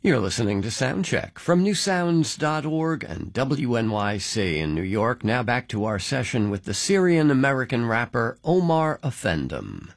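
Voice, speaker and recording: Man, radio host, lively pitch, dry studio sound, inquiring. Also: normal speed, few pauses, no room sound. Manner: curious, inquiring. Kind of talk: radio interview.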